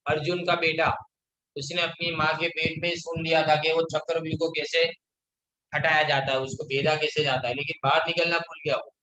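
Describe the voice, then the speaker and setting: High, bright-voiced male lecturer. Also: level tone, reverberant, low-quality recording. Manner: reads English lines slowly from the text, then explains them in Hindi. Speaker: college lecturer. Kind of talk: classroom lecture mixing Hindi and English.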